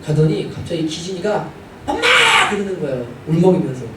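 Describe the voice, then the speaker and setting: A male pastor preaching a sermon, telling a family story and then rising into fervent, loud preaching. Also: on the high side, lively intonation, brisk, heavy background noise. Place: church sanctuary. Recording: very echoey hall from far off.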